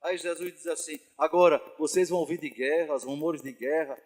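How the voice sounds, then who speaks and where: A man, a pastor giving a Bible study sermon with animated storytelling and rhetorical questions to the congregation. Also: on the high side, fairly quick. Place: church hall. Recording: reverberant church hall.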